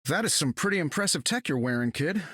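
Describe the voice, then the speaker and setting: A man's voice: on the high side, animated, fast, a bit bright, slightly rough, dry recording, studio quality. A man voicing a confident, wisecracking inventor superhero in a video game, wry and casual. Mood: sardonic. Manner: wry, casual, self-assured. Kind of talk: video game character acting.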